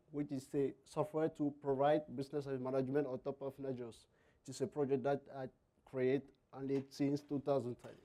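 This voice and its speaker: A man from Cameroon with a French-Cameroonian accent gives a technical conference presentation in halting non-native English, sometimes repeating words. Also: mid-range voice, mellow. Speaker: conference speaker, software engineer.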